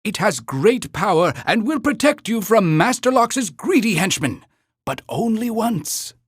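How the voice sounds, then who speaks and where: A pompous little-town mayor from a cartoon video game. He speaks in a high, very animated voice and announces everything with earnest, theatrical grandeur. The recording is dry and close. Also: unhurried, breathy edge, no room sound, full character voice. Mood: congratulatory. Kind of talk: scripted video game narration.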